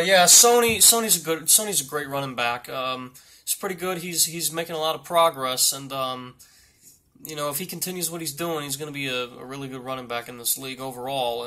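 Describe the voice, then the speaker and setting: A man with a higher, sharp-toned voice plays a blunt football coach at a mock press conference. His halting answers ramble and repeat themselves.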